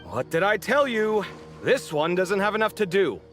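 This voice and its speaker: A man voicing a dramatic young male architect in a game, expressive and huffy. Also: high-pitched, normal speed, soft background music.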